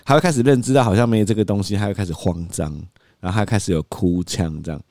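A man, hosting a podcast and telling a story in a casual, animated way, acting out quotes and laughing often. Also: fairly low pitch, fast, dry recording, clean studio sound. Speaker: podcast host.

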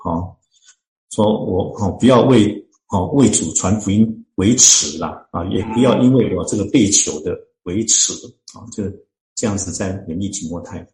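A church deacon from a Chinese-speaking background, living in Canada, explains scripture in an interview in a low, darkish voice. He speaks earnestly, pausing on long fillers and restarting phrases as he thinks. The room adds a noticeable echo.

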